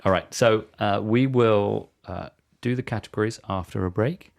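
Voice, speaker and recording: A man hosting a casual film podcast, relaxed and steering the talk between segments. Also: lowish voice, normal speed, creaky. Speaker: podcast host.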